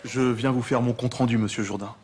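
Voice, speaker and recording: A man's voice: medium pitch, steady tone, quick pace, darkish tone, a little hiss or hum, lightly acted. An actor playing a zealous, servile slave promoted to bossy foreman, speaking officiously in a period comedy film. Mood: deferential.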